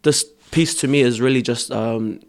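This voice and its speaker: A man's voice: medium pitch, normal speed. A young man, a choreographer answering interview questions earnestly, with many ums and restarts. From born in Samoa, raised in New Zealand. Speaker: dancer and choreographer guest.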